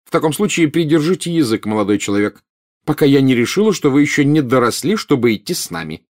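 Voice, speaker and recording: A man's voice: mid-range voice, animated, fast, a little mellow, no echo, clean studio sound, close to an everyday voice. A man voicing a stern, anxious wizard mother who scolds her son. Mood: scolding. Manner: scolding, clipped.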